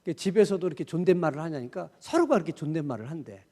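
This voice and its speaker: A middle-aged man preaching a sermon at a Wednesday prayer meeting, speaking in a conversational way with rhetorical questions and gentle acted-out dialogue. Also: a little high, expressive, racing. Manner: acts out gentle quoted dialogue. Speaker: pastor. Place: church sanctuary. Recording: long church hall reverb.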